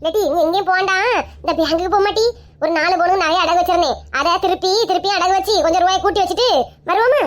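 Woman doing a squeaky scheming old mother-in-law. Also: quick pace. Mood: coaxing. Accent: Kanyakumari Tamil. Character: scheming elderly female mother-in-law, coaxing and bossy. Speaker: comedy sketch creator. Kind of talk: comic family sketch.

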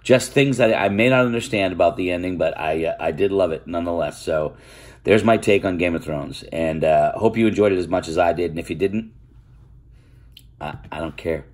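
An older man giving a casual, animated opinion rant on his vlog, exasperated and swearing freely between fillers. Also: low-pitched, a little fast. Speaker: vlogger.

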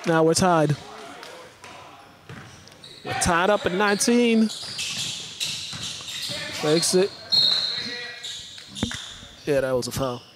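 Slow, playful gym-side basketball commentator man. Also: on the high side, expressive. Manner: playful, offhand, makes up sound words. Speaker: amateur play-by-play commentator. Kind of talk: casual live basketball commentary. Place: indoor school gym with bleachers. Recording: noisy gym audio, ball bounces.

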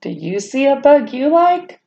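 Her voice sits high and creaky, with the top frequencies cut off. A middle-aged woman at home in a small room, she reads a picture book aloud to little ones with drawn-out, expressive phrasing and chatty asides.

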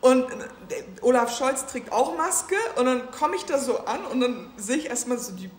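A woman with a high voice tells an animated, slangy story as a guest speaker at a public talk, acting out each exchange. The sound is roomy, with faint background noise from the hall. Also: moderate pace. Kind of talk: lively anecdote at a public talk. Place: museum event space.

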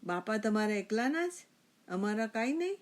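A woman voicing a sharp-tongued young wife in a storybook tale, answering with pert, teasing retorts. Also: mid-range voice, steady tone, a little slow, lightly acted.

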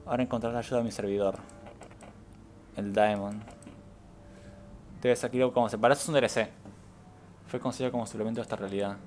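A man's voice: fairly low pitch, fairly even intonation, fast, pauses often, darkish tone, soft background music. A young man, streaming a game, reading the game's text aloud and reacting with casual, sarcastic, swearing asides.

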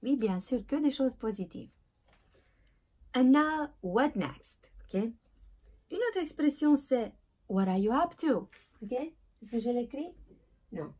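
A woman teaching English pronunciation in French, checking in with "ok?" and "voilà", and slowing down to model English phrases. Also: high-pitched, expressive, a little mellow, slightly rough. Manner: switches between French explanation and English examples, frequent "ok?" and "voilà"; slow, drawn-out model pronunciations. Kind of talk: language lesson.

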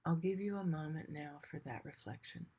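Speaking in short phrases separated by long pauses, a woman leads a soothing, gentle guided meditation. Her voice is deep and slightly rough.

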